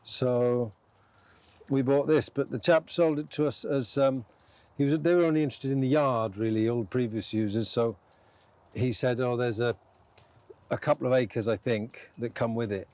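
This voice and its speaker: A man's voice: medium pitch, normal speed, no echo. A man who runs a small farm, chatting casually and hesitantly in an interview, often wandering off on tangents. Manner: relaxed, rambling, hesitant. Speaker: small-scale farmer.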